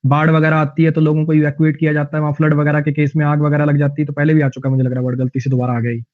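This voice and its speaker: On a phone-quality recording, a male teacher talks very fast in a slightly high voice. He gives an online vocabulary lesson in Haryanvi-accented Hindi, keeping it chatty and jokey with colorful stories.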